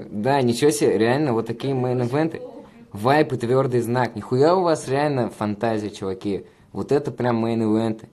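A man's voice: medium pitch, normal speed, a little mellow. A man hosting a casual livestream, reading viewer comments and bantering with profane, rambling jokes. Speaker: livestream host reading chat.

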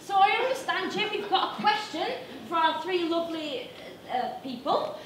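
A woman's voice: very high voice, animated, normal speed, fairly bright tone. A woman playing a brash, cheeky dating show host in a stage comedy sketch, announcing in a showy, teasing way. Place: small brick-walled indoor stage. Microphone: camera at a distance. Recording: echoey noisy live stage recording.

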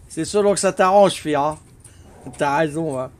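Chatty older Corsican man streaming. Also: on the high side. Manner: teasing, chatty, peppers talk with "hein". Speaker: game streamer. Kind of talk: casual live-stream chat while gaming.

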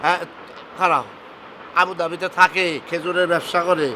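A man's voice: high-pitched, steady tone, moderate pace, noisy background, natural voice. An actor playing a nervous, flustered boss who stammers and pleads his way out of a forced marriage in a comedy drama. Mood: pleading. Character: nervous, flustered boss man trying to escape.

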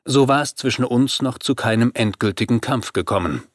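A man's voice: mid-range voice, fairly quick, no echo, clean studio sound. Man narrating a horror audiobook. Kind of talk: scripted first-person narration.

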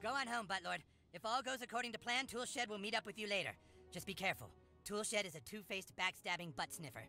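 A man playing a bossy, foul-mouthed, self-important boy leading a superhero gang in an animated comedy game. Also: high-pitched, fast talker, vocal fry, faint music behind, full character voice. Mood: bossy, scornful.

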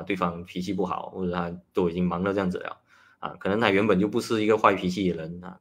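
A nutritionist hosting a casual livestream talk. He is a man who explains things in a chatty way and starts many phrases with a drawn-out "ah". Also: deep voice, slightly rough. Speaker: nutritionist host.

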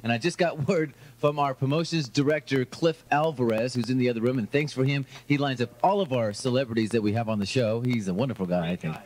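A man hosting a morning radio show in a studio, rambling energetically and quick to laugh. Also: mid-range voice, darkish tone.

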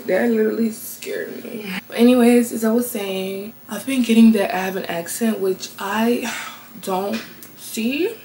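A woman host reading online confessions aloud from her bed, casual and slangy, reacting out loud as she reads. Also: fairly high pitch, steady tone, unhurried, slight background noise, poor audio. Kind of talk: casual chatty commentary.

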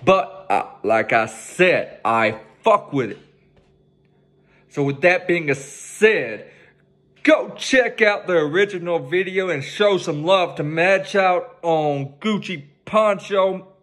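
A young man with a high, lively voice speaks slowly with a slightly bright tone. He hosts a music reaction video from his living room, using a headset mic, laid-back and cursing freely while hyping the song.

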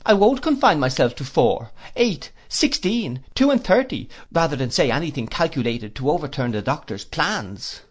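A man reading an audiobook, voicing a pompous, gushing older woman in a high, theatrical voice. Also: very animated, normal speed, hardly any pauses. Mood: insistent.

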